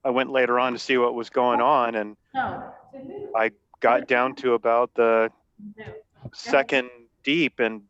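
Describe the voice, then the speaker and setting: A man's voice: mid-range voice, slow, pauses often, fairly bright tone, clean tone, no room sound, lo-fi sound. A man giving a casual spoken update as a club member on an online call.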